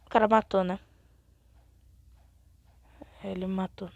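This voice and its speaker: A young woman chatting excitedly to viewers as she plays a game, sometimes dropping into a whisper. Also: mid-range voice, unhurried, gravelly, no echo. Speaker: gaming channel host. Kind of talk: casual gameplay commentary.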